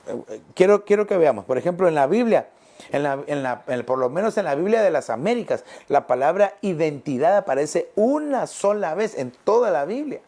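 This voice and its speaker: A middle-aged male pastor preaching a sermon, emphatic, repeating phrases and slowing down on key words. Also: fairly high pitch, sing-song, warm tone.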